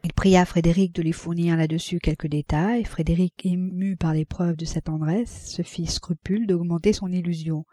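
A woman reading a classic novel aloud as an audiobook, in a measured narrating voice. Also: fairly even intonation, no echo, studio quality. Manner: measured, voices characters with raised pitch and loudness. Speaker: audiobook reader.

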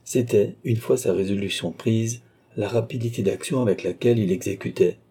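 Male audiobook narrator, low husky voice, mellow, measured delivery. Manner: measured, even storytelling. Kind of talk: audiobook narration of a classic novel.

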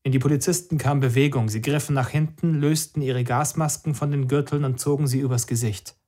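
Man, first-person narration, measured and somber, unhurried. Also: medium pitch, fairly even intonation, warm tone.

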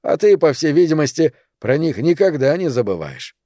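A man's voice: a little high, big pitch swings, normal speed, mellow, no room sound, clean studio sound. A man voicing a blunt, cowardly male friend who scolds and swears impatiently. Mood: exasperated.

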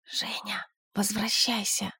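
A woman voicing a worried man who calls out in a hushed voice, in an audiobook. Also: fairly high pitch, flat delivery, normal speed, vocal fry, husky, dry recording, studio quality, far from the mic, pitched above the performer's own voice, heavily acted. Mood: anxious. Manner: hushed, anxious. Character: worried man whispering urgently.

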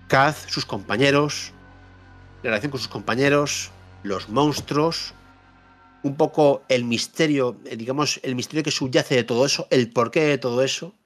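A man hosting a podcast, giving a casual spoken review of a game and repeating points for emphasis. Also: mid-range voice. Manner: repeats himself for emphasis, frequent fillers and tag questions.

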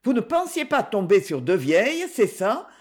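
A reader voicing a spry, sharp-tongued woman in her seventies who speaks with urgency and wry humor. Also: fairly high pitch, sing-song, normal speed. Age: 70s.

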